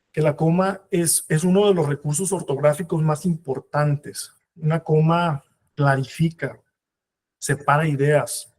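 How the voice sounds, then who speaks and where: A man with a Mexican Spanish accent teaching a legal writing course, pausing often with fillers and restarting his sentences. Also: a little high, darkish tone. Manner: halting, many fillers and restarts. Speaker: instructor. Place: training course room.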